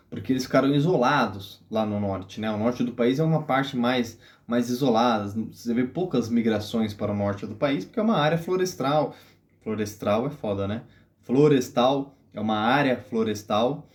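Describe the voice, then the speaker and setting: A man with a Brazilian Portuguese accent hosting a casual explainer video, chatty and hesitant, full of filler sounds and rhetorical questions to his viewers. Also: mid-range voice. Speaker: video host.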